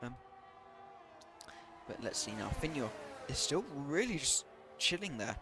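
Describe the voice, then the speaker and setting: A man's voice: mid-range voice, sing-song, a little slow, over music. Hesitant man commentating a sim race. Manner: hesitant, many fillers. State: losing his voice.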